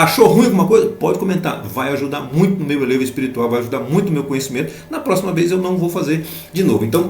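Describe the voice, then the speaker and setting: A man's voice: mid-range voice, a little mellow, roomy sound, a little hiss or hum. A middle-aged man teaching a Sunday school Bible lesson, explaining with repetition and rhetorical questions.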